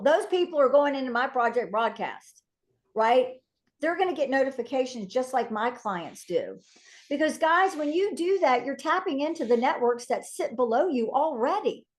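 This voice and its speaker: High-voiced chatty woman coaching her team. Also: normal speed. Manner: animated, acts out phone conversations in lively voices; casual, chatty, keeps asking "right?". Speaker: sales team trainer.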